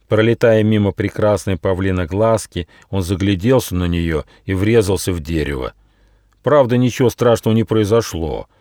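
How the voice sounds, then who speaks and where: A man narrating his own children's fairy tale, expressive and playful. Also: sits low, no room sound, clean studio sound. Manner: expressive, switches into many character voices. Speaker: author reading his own book. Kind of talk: storybook narration with character voices.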